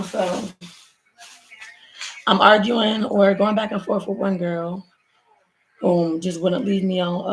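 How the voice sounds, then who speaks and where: This woman from Baltimore, USA, is a vlogger whose voice is hoarse and creaky, pitched in the middle range. Doing her nails at home, she rambles chattily through a story time and addresses her viewers as y'all. The laptop mic gives a rough recording with a little hiss or hum.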